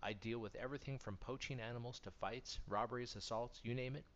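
A man reading magazine articles aloud in a steady, measured way, as scripted narration. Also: mid-range voice. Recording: dull lo-fi recording.

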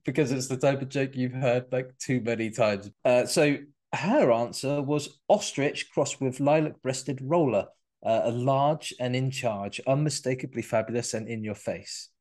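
Animated man, middle pitch. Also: moderate pace. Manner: animated, jumps in and restarts, pitch leaps when excited. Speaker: podcast co-host. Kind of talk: casual chat.

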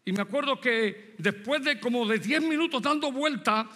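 Long hall reverb surrounds this sermon by a Puerto Rican man in his sixties whose voice is extremely high-pitched, sharp, and delivered at normal speed. He is from Puerto Rico, has a Puerto Rican Spanish accent, and tells of his youth while questioning the congregation directly.

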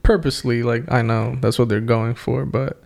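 A man's voice: medium pitch, fairly even intonation, normal speed, creaky, a little mellow. A man co-hosting a podcast, reviewing albums in a joking, slangy way, often repeating himself. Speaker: podcast co-host. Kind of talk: casual music review chat.

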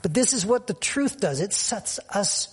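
Male pastor, high husky voice, reflective storytelling sermon. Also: animated, normal speed. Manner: reflective, personal storytelling with frequent fillers.

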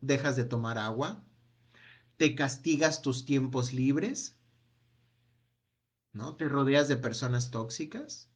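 A man leading a self-help workshop, asking a long run of gentle reflective questions that trail off with a quiet "no?". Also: medium pitch, animated, slow pace, pauses often. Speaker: workshop speaker.

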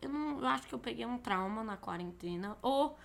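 A woman's voice: fairly high pitch, animated, a little fast, vocal fry. A teenage girl rambling through a casual family podcast chat, losing her thread and laughing at herself. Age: teens. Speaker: podcast co-host, daughter.

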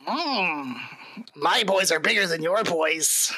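A woman voicing a cocky male goblin bandit who rides a wolf, speaking in a slow, taunting drawl. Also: fairly low pitch, expressive, bright, forceful tone, breathy edge, no room sound, heavily acted, low-quality recording.

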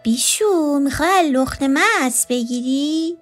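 A sarcastic female houseguest who needles and teases in a sharp, bossy way, as a woman narrator reads her lines. The voice sits fairly high. Quiet music plays under the storytelling. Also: expressive. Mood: teasing. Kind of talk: read storytelling.

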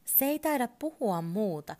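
A woman voicing a gentle, caring little toy bear in a storybook reading. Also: fairly high pitch, big pitch swings, pitched above the performer's own voice.

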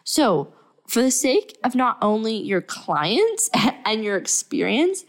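Very animated and fairly high in pitch, this young podcast host takes her time speaking. She's sick and blocked up but cheerful, rambling casually through her solo episode full of fillers.

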